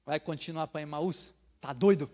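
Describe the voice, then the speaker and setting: A Brazilian pastor from Bahia preaching a sermon, swinging from hushed asides to loud proclamations and acting out believers for laughs. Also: male voice, a little high, moderate pace. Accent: Brazilian Portuguese, Bahia. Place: church sanctuary. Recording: long hall reverb.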